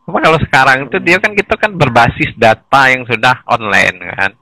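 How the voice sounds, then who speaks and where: A man with a bright, clear-edged voice explains things in a relaxed conversational way, often chuckling and restarting his sentences. He is recorded dry and close, with no room echo. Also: medium pitch, fairly quick. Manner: animated, chuckles between points, restarts mid-sentence. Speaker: guest explaining village data administration.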